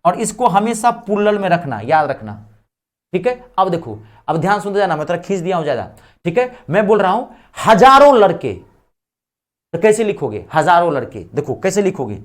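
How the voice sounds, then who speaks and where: A male teacher with an Indian English accent giving an exam grammar lecture. He asks questions and answers them himself, and dictates English examples slowly, word by word. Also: sits high, sing-song.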